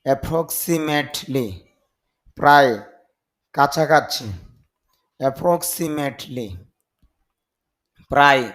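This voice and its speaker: Slow, deliberate Bengali-accented male teacher. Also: fairly high pitch, fairly even intonation, a bit bright. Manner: slow, deliberate word-by-word drilling, repeating each word and meaning. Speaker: English teacher. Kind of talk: vocabulary lesson.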